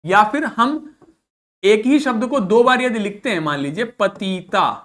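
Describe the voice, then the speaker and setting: A male English teacher giving a video lesson in Hindi, who asks questions, answers them himself and repeats example words slowly. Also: high-pitched, animated, fairly bright tone.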